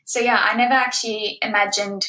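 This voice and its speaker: A woman in her twenties, a ballet dancer answering interview questions earnestly, with soft laughs between phrases. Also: medium pitch, steady tone, brisk, a little hiss or hum. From South Africa. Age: 20s. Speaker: guest, professional ballet dancer. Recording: roomy echo.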